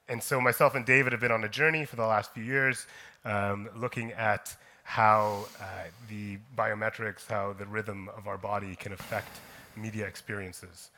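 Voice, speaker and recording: A man from Kenya telling his personal story on a conference stage, slow and deliberate, with frequent pauses and "um"s. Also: lowish voice, bright, forceful tone. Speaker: conference speaker, company co-founder.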